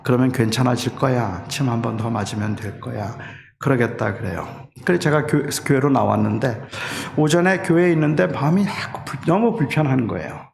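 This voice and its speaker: Korean pastor preaching in an echoey church. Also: male voice, medium pitch, creaky, slight background noise. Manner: storytelling, rising to impassioned shouting. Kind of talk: sermon. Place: church sanctuary. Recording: echoey church hall with faint ambience.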